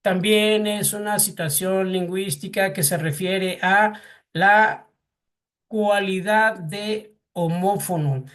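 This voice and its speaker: A man's voice: high voice, steady tone, slow pace, fairly bright tone. A man with a Mexican Spanish accent teaching a class, hesitant, with many fillers and repeated words, asking the students questions. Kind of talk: classroom lecture.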